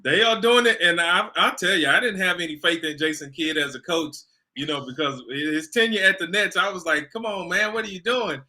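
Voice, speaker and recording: Smooth, very bright-voiced man from Texas. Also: a little high, fairly quick. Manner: lively, chatty sports talk. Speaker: guest, radio host and media entrepreneur. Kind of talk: casual interview chat. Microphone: remote call.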